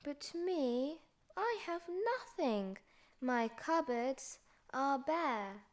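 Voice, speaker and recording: A gentle, humble bear, as a woman reads him. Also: high voice, expressive, very slow, heavily acted. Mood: downcast.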